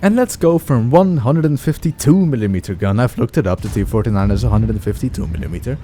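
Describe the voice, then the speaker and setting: A man's voice: mid-range voice, expressive, fast talker, warm tone, faint music behind. A man commentating over his own gameplay in a casual, rambling way, often stopping to correct himself. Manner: rambling, self-correcting, chatty.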